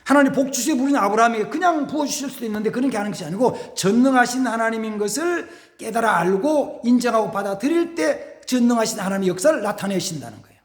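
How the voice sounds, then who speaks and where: High, animated preaching man, echoey church. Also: quick pace, hardly any pauses. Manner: dramatic preaching, acting out voices of biblical figures. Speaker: pastor. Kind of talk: sermon.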